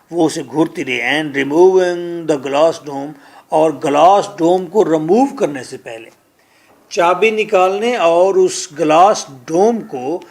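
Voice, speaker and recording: Teaching an English lesson in a fairly high-pitched voice, a man with a Pakistani accent reads every line slowly before translating it and explaining it. He frequently repeats his words.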